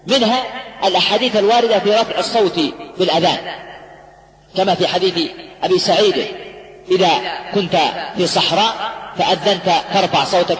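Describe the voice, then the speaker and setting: A man teaching a methodical lesson to students, explaining point by point and pausing to put questions to the class. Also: high voice. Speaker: religious teacher. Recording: echoey hall with long reverb.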